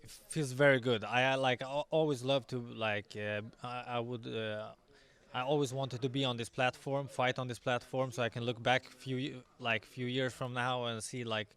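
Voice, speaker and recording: Young man, MMA fighter in interview. Confident, halting delivery, clean resonant tone. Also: mid-range voice, fairly even intonation, a bit bright, clean tone. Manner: confident, self-assured. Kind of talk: post weigh-in sports interview.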